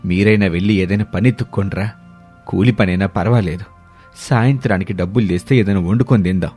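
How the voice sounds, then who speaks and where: Give me a man doing a weary old father in a cartoon, scolding his sons over soft background music. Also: low-pitched, fast talker, breathy edge. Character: older village man, weary head of a poor family.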